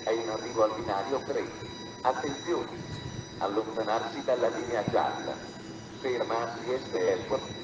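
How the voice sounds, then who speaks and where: Casting: male train station announcer, formal automated delivery, lowish pitch, heard over a distant echoing PA. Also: highs cut off. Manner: formal, segmented stock phrases. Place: railway station platform. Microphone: distant recorder picking up loudspeakers. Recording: echoey station PA from afar, clear ambient noise.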